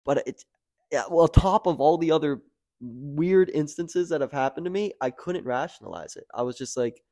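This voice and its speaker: Young American man, podcast guest, casual storyteller; dry close mic, gets animated and loud at the peaks. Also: normal speed, no room sound. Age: young adult. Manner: animated, rising to near-shouting at high points, lots of "like" and "dude".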